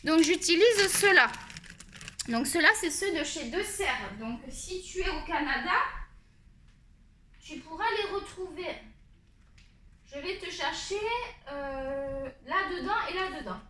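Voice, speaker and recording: A woman talks on and on at home, high and bright in tone. Her rambling, chatty manner keeps drifting off topic. A faint hiss sits under the recording. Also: animated, slow pace, long pauses. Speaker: art vlogger. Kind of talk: chatty product show-and-tell.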